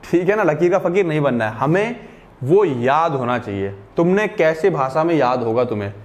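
A young male teacher with a fairly high voice, lecturing at an easy pace. He reads out textbook lines slowly and then explains them again in simpler words. He keeps checking in with his students to see whether the point is clear. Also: expressive. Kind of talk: classroom lecture.

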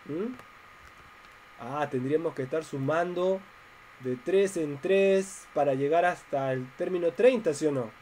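A man's voice: fairly high pitch, a little slow, darkish tone, slight background noise, low-quality recording. A man teaching a math class online, explaining step by step and asking his students questions.

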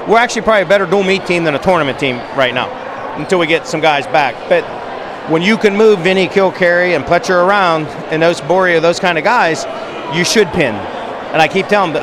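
A middle-aged man talks fast and animated in a postgame interview, his voice sitting a little high. He holds a handheld mic in a big high school gym, with the crowd noise clearly heard behind him. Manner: animated, gesturing while standing. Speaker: wrestling coach. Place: high school gym, large indoor space. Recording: noisy gym background.

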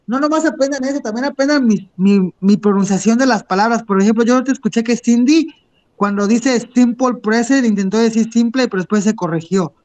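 Teaching English in an online class, this man has a very high voice and an encouraging manner, moving back and forth between English and Spanish.

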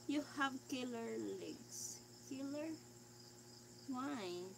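High-voiced woman chatting slowly on a livestream. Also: animated, vocal fry, noisy background. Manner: reads out viewer comments and answers them; simple phrasing, laughs easily. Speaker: live streamer chatting with viewers. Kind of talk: casual live-stream chat.

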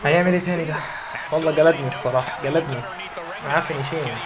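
A young Egyptian man playing a wrestling video game, cheering, shouting and trash-talking his opponent as he commentates. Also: fairly high pitch, racing. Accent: Egyptian Arabic. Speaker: gaming YouTuber. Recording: loud crowd noise from game. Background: loud game arena crowd.

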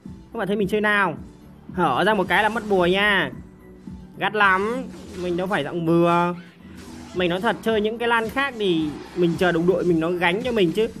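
A hoarse woman commentating her mobile game in a casual, excitable way, breaking into loud exclamations and repeating short cries. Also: mid-range voice, moderate pace. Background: music.

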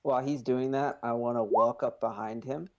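A man's voice: medium pitch, fairly even intonation, moderate pace, darkish tone, dull audio. A man chatting casually as a player in a tabletop game.

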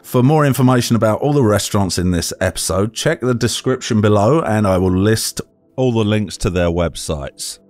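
A man reads a scripted travel-guide voice-over in a fairly low voice. He sounds clear and informative as he gives step-by-step directions. Soft music plays faintly behind him. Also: moderate pace. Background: faint background music.

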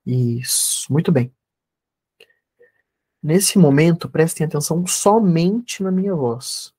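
A man teaches an online workshop over a video call, then leads a guided meditation. He speaks unhurriedly in a dark, mellow voice. His instructions are calm and repetitive, with a therapist's steady focus. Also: fairly high pitch, takes it slowly, breathy edge. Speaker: therapist leading an energy workshop.

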